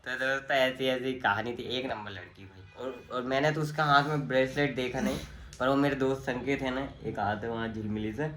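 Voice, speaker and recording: A man's voice: medium pitch, fairly even intonation, fairly quick, fairly bright tone. A young man vlogging, telling a long story in casual slangy chat and acting out quotes as he goes.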